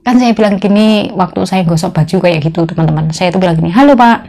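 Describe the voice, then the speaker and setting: A woman in her thirties with a Javanese accent, a migrant domestic worker telling her own story to viewers in a chatty, expressive way with frequent exclamations. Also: fairly low pitch, fast talker, creaky. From Indonesia. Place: employer's home, indoors.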